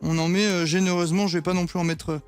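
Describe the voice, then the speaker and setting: A man's voice: high voice, steady tone, fast talker, smooth, faint music behind. Chatty young man cooking at home. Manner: chatty, swears casually, talks to viewers while cooking. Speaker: streamer cooking on stream. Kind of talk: casual live cooking chat. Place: home kitchen.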